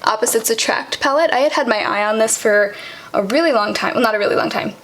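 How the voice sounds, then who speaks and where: A young woman vlogger casually walking through her makeup products, chatty and quick, with lots of "um" and "like". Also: on the high side, fairly bright tone. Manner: fast, chatty, many fillers like "um" and "like". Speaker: beauty vlogger.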